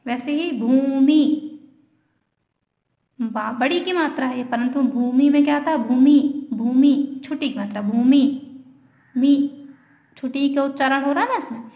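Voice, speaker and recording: High-voiced woman teacher in an echoey room. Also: darkish tone. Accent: Indian. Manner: asks questions and answers them herself, repeats words slowly. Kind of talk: grammar lesson for young students.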